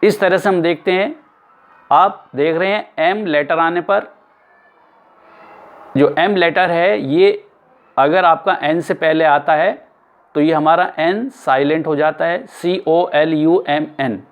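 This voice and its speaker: Man spelling out words slowly, fairly high voice. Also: narrow, tinny audio. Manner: spells words letter by letter, slow and repetitive. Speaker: English teacher. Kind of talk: explanatory lesson.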